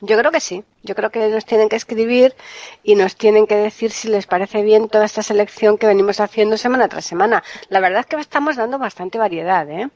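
A woman's voice: mid-range voice, fairly quick, a little mellow, highs cut off. A woman co-hosting a podcast, frank and teasing in casual chat. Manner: frank, teasing, likes to disagree. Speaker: podcast co-host.

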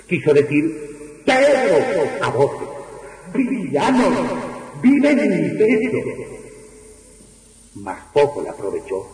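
Slow dramatic man reciting verse, echoey hall. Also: darkish tone. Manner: declamatory, with sweeping pitch for chanted refrains. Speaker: poetry reciter. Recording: echoey hall with long reverb.

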